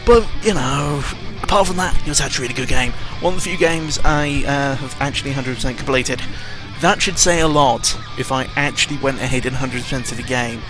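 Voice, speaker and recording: Barely pausing, a young man who vlogs about gaming fires off a fairly quick, exasperated rant full of fillers, with video game music in the background. His pitch is medium.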